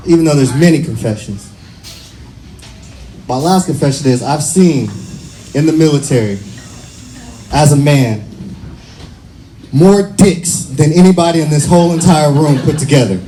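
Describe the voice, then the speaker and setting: A man doing loose, profane stand-up comedy on a bar stage, telling stories in an animated way. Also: fairly high pitch, unhurried, pauses often. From Washington, D.C. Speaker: stand-up comic. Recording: loud crowd laughter and room noise.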